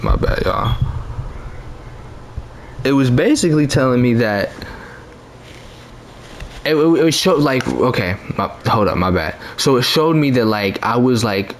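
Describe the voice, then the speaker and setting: A man's voice: medium pitch, slight background noise. A young man telling a story casually into his own mic, rambling with lots of fillers, slang and profanity. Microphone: own desk mic.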